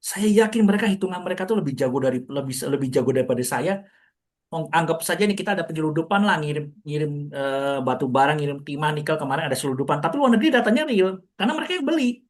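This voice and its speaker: A man's voice: a little high, animated, fast talker. A man explaining the stock market to an audience in a casual, chatty way, posing rhetorical questions and answering them himself.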